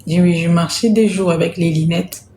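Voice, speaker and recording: A woman from Congo hosting a casual live stream to sell jerseys, speaking softly and repeating herself. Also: lowish voice, fairly even intonation, normal speed, reverberant, a little hiss or hum. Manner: soft-spoken, repeats herself. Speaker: livestream host selling jerseys. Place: home room, indoors.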